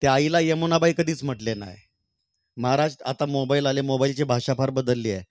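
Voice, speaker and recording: A middle-aged man performing poems on stage. He sings slow, drawn-out refrains and then talks casually with the audience. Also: medium pitch, no echo, studio quality. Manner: sings poem refrains slowly and loudly, then talks warmly and chattily to the crowd. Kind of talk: stage poetry recital with talk to the crowd. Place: stage at a public event.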